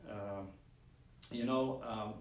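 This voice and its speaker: A man's voice: fairly low pitch, fairly even intonation, very slow. Rambling male live-stream host, roomy sound. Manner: rambling, with many fillers and restarts. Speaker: host of a weekly model-kit live stream. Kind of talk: casual live-stream chat. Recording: roomy echo, speaker away from the mic, faint room hum.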